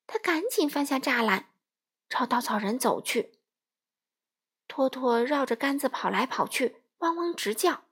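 A woman narrating a children's storybook with a gentle, expressive reading. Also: high-pitched, a little slow, breathy edge.

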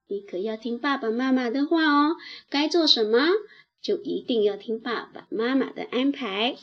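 Woman teacher reading a kids bedtime story, high voice, really slow, kinda dull sound. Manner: slow, gentle, lively storytelling. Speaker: teacher telling children's stories. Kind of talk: bedtime story narration for children.

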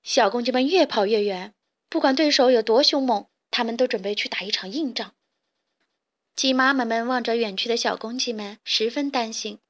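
A woman narrating a children's storybook in a lively, expressive way. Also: fairly high pitch, moderate pace.

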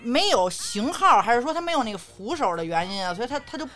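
Woman co-host, high and bouncy voice, giggly casual chat. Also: very animated, a bit bright, soft background music. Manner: giggly, chatty, quick back-channel replies. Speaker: podcast co-host.

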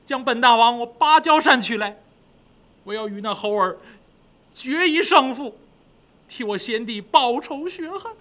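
A man voicing a grieving, vengeful male demon king who gives orders in a slow, solemn, commanding way. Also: very high voice, expressive, a bit bright, voice pushed up, exaggerated voice.

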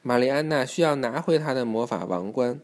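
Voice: medium pitch, lively intonation, brisk. A parent reading a children's story aloud to a child, in an instructive way with questions to the listener.

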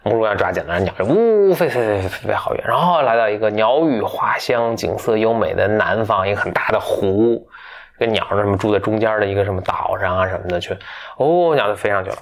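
A man's voice: lowish voice, fast. Rambling, playful male storyteller. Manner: rambling, lots of fillers and self-corrections; playful, gets animated and laughs. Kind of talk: casual retelling of a fairy tale to a friend.

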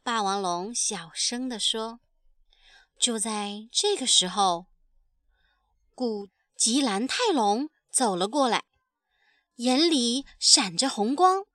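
A woman reads a picture book aloud in a high, lively voice, acting out the sound effects as she goes. Her tone is bright and her pace is slow and careful. The recording is close and dry. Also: no room sound. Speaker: storyteller. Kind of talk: expressive picture-book reading.

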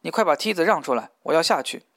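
A man's voice: on the high side, expressive, fast talker, a bit bright. Audiobook: a curt, indignant young woman, read by a man. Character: young woman, annoyed and wary.

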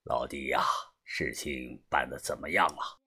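A man voicing an older, cautious gang boss in an audiobook, speaking low and often in a hushed whisper. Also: fairly even intonation, unhurried, breathy edge, heavily acted. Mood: guarded. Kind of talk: audiobook character voice.

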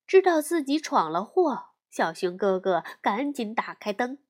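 语速缓慢的女性讲故事声音. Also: female voice, fairly high pitch. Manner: slow, expressive storytelling. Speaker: storyteller. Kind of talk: children's audiobook narration.

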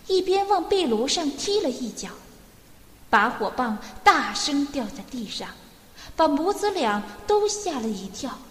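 A woman reads a novel aloud at an unhurried pace, measured and expressive. Her voice is high, and the recording rings with a long, echoey reverb. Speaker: narrator. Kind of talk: storybook reading.

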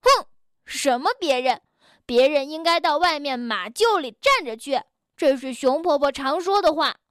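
A woman's voice: sits high, animated, normal speed, fairly bright tone, no echo, clean studio sound. A woman voicing a young male frog in a children's story, who is stubborn but tender-hearted and talks in a huffy, sulky tone. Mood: defensive.

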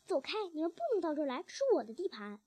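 A woman voicing a small, bossy, drunken male rat who screeches and rattles off his lines fast in a storybook reading. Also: very high voice, big pitch swings, a little mellow, voice pushed up, full character voice. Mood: shrieking. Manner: screeching, rapid, territorial.

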